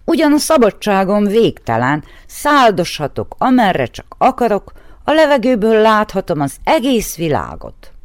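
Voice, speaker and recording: A woman's voice: medium pitch, huge pitch swings, no room sound, studio quality, pitched above the performer's own voice. Storybook raven, grumpy and insistent, voiced by a woman. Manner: curt, insistent.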